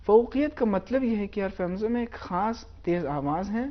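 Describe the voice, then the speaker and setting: A man teaching Quran recitation rules, explaining in a measured way and slowing down to demonstrate pronunciation. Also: high-pitched, expressive, highs cut off.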